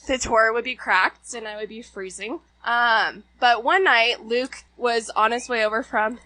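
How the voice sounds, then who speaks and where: A woman telling a story in a casual, giggly, animated way at an outdoor party around a fire. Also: fairly high pitch, a little slow. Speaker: guest.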